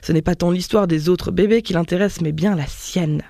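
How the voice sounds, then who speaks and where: A woman's voice: lowish voice, moderate pace, vocal fry, dark tone, dry recording. Woman host, wry and chatty, dry close sound. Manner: wry, conversational. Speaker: podcast host. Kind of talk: casual narrated chat.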